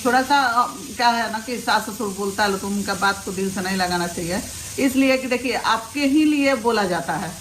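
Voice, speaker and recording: A woman at an ordinary, middling pitch. She gives her viewers earnest, homely family advice in a casual vlog. A faint hum of the room sits behind her. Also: moderate pace. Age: 50s. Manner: earnest, advice-giving, with a steady homely cadence. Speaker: family vlogger, mother-in-law.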